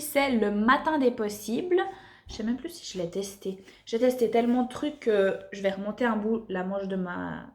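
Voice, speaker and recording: A young woman reviewing beauty products in a chatty, enthusiastic way with lots of fillers. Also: on the high side. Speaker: beauty vlogger.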